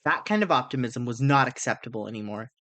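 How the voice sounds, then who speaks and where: Music runs behind a man delivering a visual novel game as dramatic narration, dropping in casual asides as an amateur reader. He speaks fast and animatedly in a mid-range, fairly bright voice.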